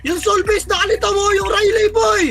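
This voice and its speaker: A player calling shots in live esports team comms, barking rapid callouts, counting down and cursing often. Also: very high voice, level tone, vocal fry, loud music behind the voice. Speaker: team shot-caller.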